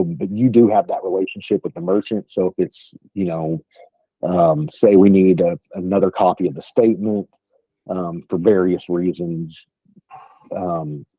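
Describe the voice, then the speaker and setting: Over a phone or online call with dull lo-fi audio, a middle-aged sales trainer gives an informal training talk in a thick West Texas accent. His voice is low and husky with no room sound, and his delivery is folksy and plain-spoken.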